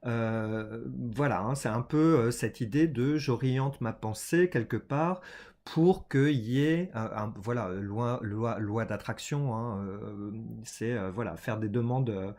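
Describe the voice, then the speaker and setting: A man's voice: medium pitch, takes it slowly. A man doing a casual oracle card reading for his viewers, talking hesitantly with many fillers and small laughs. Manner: hesitant, many fillers, chatty and warm-toned about cards.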